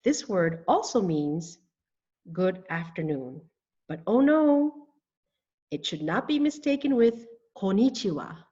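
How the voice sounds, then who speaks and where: A woman teaching a language lesson, speaking slowly and deliberately and spelling out words syllable by syllable. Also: fairly low pitch, very animated, dark tone, slightly rough, dull audio. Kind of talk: scripted lesson narration.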